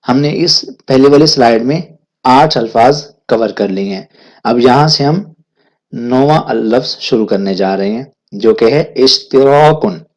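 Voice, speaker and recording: A man teaching a vocabulary lesson, saying each word twice, then its meaning, in a slow, deliberate way, with a Pakistani Urdu accent. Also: medium pitch, a little mellow. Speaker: language teacher. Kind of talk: vocabulary lesson, repeating words slowly.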